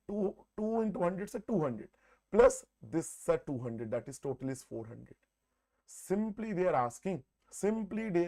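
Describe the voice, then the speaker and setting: A man's voice: on the high side, darkish tone. A man with an Indian accent and a troubled throat, teaching a live maths class online, repeating phrases and often saying "sir". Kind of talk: live exam-solution lesson, addressing students.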